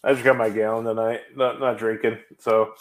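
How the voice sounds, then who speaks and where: A young man co-hosting a casual sports podcast, excitable and quick to laugh, sometimes bursting into shouts. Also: fairly low pitch. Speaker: podcast co-host.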